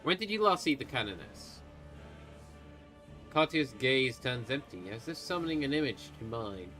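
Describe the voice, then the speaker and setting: A man's voice: medium pitch, very animated, normal speed, bright, forceful tone, faint music behind. A man running a tabletop game as game master on a livestream, narrating scenes and asking questions with casual asides.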